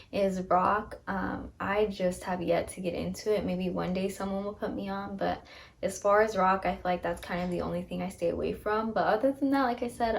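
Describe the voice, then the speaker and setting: A woman's voice: mid-range voice, vocal fry. A woman in her twenties chatting casually about herself, upbeat and full of ums, recorded on a phone. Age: 20s. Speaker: podcast host. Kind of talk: casual get-to-know-me chat. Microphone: phone camera.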